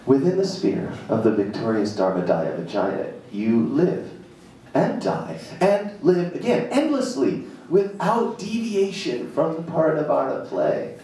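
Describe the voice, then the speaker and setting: On a jazz club stage at a live event, a man performs a written spoken-word monologue slowly and theatrically, with emphatic dramatic pauses and playful asides to the audience. His voice is a little high, very animated, and dark in tone. A distant mic picks him up in the very echoey, noisy venue.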